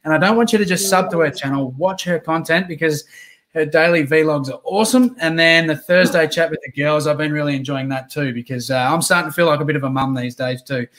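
A man's voice: fairly high pitch, fairly quick, fairly bright tone. Chatty man hosting a stream. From Australia. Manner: chatty and encouraging, frequent "uh" fillers. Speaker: host of a live-streamed chat show. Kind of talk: casual interview chat.

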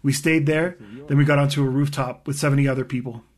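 A man reading a first-person testimony as a voice-over interpreter, earnest and measured. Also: medium pitch, fairly even intonation, darkish tone.

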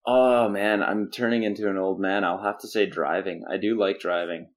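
Very low male voice, canadian guy, young adult, lively anecdote teller, chuckles a lot. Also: moderate pace. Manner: animated storyteller, laughs often, jumps into quoted voices. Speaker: podcast guest. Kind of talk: casual storytelling interview.

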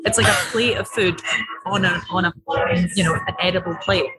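A woman's voice: lowish voice, normal speed, over a noisy crowd, poor audio. A woman in a band, chatting casually as a guest, with lots of fillers. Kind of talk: casual chat.

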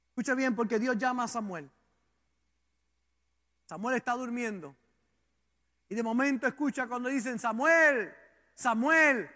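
A man preaching a sermon with dramatic emphasis, slowing down and stretching words, then rushing ahead. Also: very high-pitched, a bit bright. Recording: long hall reverb.

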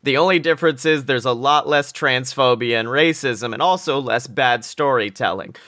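A man's voice: medium pitch, normal speed, bright, forceful tone, dry recording, studio quality. A man chatting casually as a podcast guest, informal and jokey. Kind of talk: casual interview chat.

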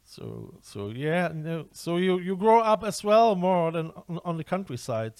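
Hesitant man hosting, higher voice. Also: big pitch swings, a little slow, a little mellow, clean tone, no echo. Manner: hesitant, repeats words, restarts often. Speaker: podcast host. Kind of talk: casual interview over a video call. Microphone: video call.

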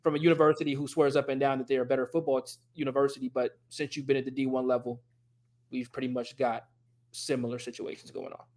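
A man's voice: medium pitch, little pitch movement, fast talker, a little mellow. A man co-hosting a sports podcast, giving opinionated analysis in casual chat and teasing rival fans. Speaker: podcast co-host.

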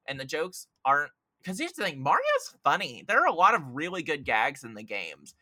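As a podcast guest and film critic, a man discusses movies casually in a slightly high, bright, forceful voice that swoops wildly in pitch at a fairly quick pace. He's opinionated and emphatic, throwing sarcastic jabs and some swearing, on a dry recording.

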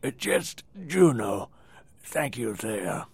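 An older man playing an earnest, pleading, idealistic mayor in an audio drama, husky and halting, as if weighing each thought. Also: medium pitch, very animated, noisy background. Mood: anxious, self-soothing. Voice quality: gravelly, husky. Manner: halting, deliberate, muttering to himself.

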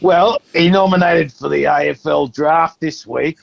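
A man playing a gruff middle-aged Australian father who rambles and stammers through a prank call to a comedy podcast. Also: on the high side, unhurried. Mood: complaining. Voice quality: gravelly, rambling, stammering restarts. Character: gruff middle-aged Aussie dad grumbling about his son. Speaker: prank caller. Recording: dull lo-fi phone line.

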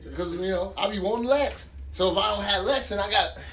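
A male podcast host telling a crude story in loud, laughing casual chat. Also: high-pitched, a little fast. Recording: echoey room with crowd noise.

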